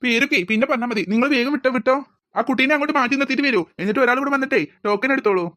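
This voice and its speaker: A woman voicing a brisk hospital staff member in a cartoon, asking questions. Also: high-pitched, a bit bright, no room sound, clean studio sound. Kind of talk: cartoon voice acting.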